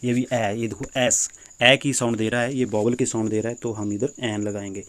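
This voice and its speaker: A man's voice: mid-range voice, little pitch movement, moderate pace, fairly bright tone. A man teaching a grammar lesson, patiently explaining and repeating points with rhetorical questions.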